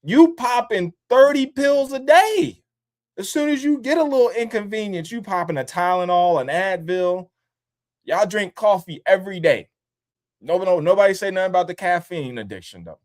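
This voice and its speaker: A man who was born in upstate New York and raised in the DC area, hosting a casual livestream talk. He is loose and profane, and he mocks other people in high squealing voices. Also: animated, moderate pace, darkish tone. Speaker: livestream host. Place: home in Columbus, Ohio.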